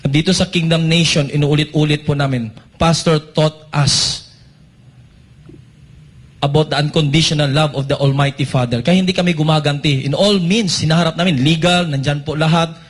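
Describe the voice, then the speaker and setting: A man's voice: fairly high pitch, fairly even intonation, moderate pace, breathy edge. A Filipino man making an impassioned, accusatory statement on behalf of his church. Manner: accusatory, emphatic. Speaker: church member speaking out.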